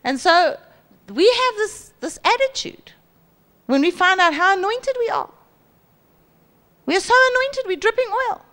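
On the stage of a big church hall, a South African preacher in her forties speaks into a handheld mic, somewhat slowly and with long pauses. Her sermon is lively, and she acts out the voices of boastful people by leaping up in pitch.

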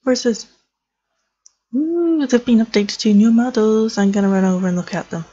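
A woman's voice: on the high side, normal speed, warm tone, breathy edge, muffled recording. Chatty, amused woman playing a game. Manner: chatty, amused, talks to herself. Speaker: let's player. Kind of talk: gameplay commentary.

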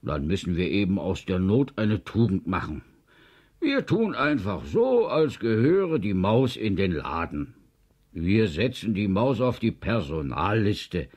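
A man voicing a gruff, slow-spoken company director who grumbles and mutters. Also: very animated, a little mellow, highs cut off, full character voice. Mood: decisive. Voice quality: low grumbling.

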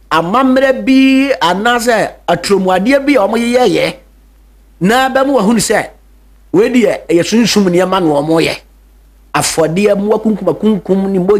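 A Ghanaian man preaching a radio sermon in Twi and English, emphatic, repeating key words, with hesitant fillers. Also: high-pitched.

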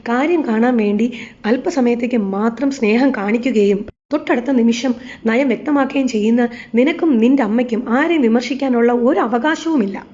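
A woman's voice: a little high, moderate pace, warm tone, close to an everyday voice. Defiant young wife, woman reading her lines. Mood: indignant. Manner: indignant, accusing retorts. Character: defiant young woman, sharp-tongued daughter-in-law. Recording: slightly dull lo-fi recording.

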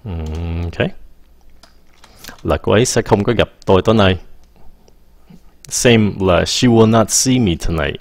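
Man, English teacher, lowish voice, casual lesson, frequent "ok", slow example sentences, dry close sound, faint typing. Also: dry recording. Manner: mixes English phrases into explanations, repeats "ok" often; slows down to model English sentences.

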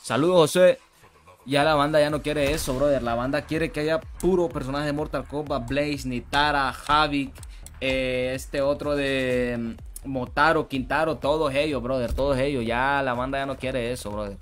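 A man's voice: medium pitch, fairly even intonation, normal speed. A young man, chatting casually with viewers while streaming a fighting game, slangy and repetitive. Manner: slangy, repeats himself, greets viewers. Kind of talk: casual live-stream chat while gaming.

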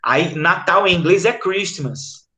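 Bright, high-voiced Brazilian teacher. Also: male voice, expressive, slow. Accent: Brazilian Portuguese, from Rio Grande do Norte. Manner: chatty, explanatory, keeps checking in with students. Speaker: English teacher. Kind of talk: online class lesson.

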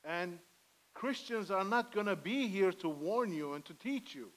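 A rough recording captures a middle-aged pastor with Armenian roots delivering an earnest, pleading sermon from a church pulpit on a headset mic. His high voice has lively intonation and a slightly slow pace, in a medium-sized sanctuary.

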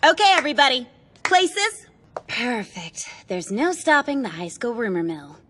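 A woman playing a brisk, bossy schoolgirl who directs others, in an anime dub. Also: fairly high pitch, big pitch swings, a bit bright, slight background noise.

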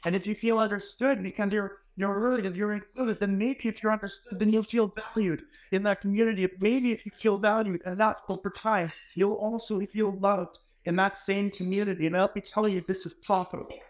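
A man's voice: sits high, fairly even intonation, a little fast, hardly any pauses. A man in his forties giving a motivational keynote in an ornate wood-paneled hall, telling stories in an emphatic, conversational way into a handheld microphone. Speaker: keynote speaker.

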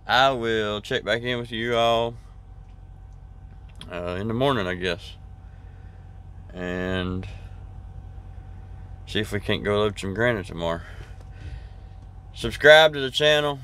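His voice sits on the low side, clear and resonant with a slight brightness, and he takes his time with long pauses. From the cab of his parked truck, the trucker vlogger chats easygoingly to a camera at arm's length, rambling and restarting often.

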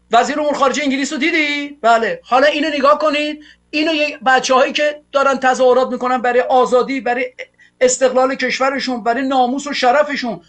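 A man's voice: very high-pitched, a bit bright. A male television host giving fiery political commentary, ranting angrily and hurling insults at his opponents. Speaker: TV show host.

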